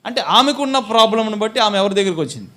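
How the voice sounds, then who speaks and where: High-voiced preacher asking and answering himself. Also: male voice, expressive, rapid-fire, pushed and bright. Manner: questions the congregation and answers himself. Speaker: pastor. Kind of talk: sermon.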